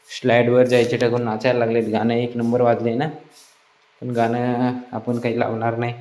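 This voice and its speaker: Male resort vlogger, low mellow voice, chatty and teasing commentary. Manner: chatty, teasing, playful narration. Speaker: vlogger working at a water park resort. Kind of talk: casual vlog commentary.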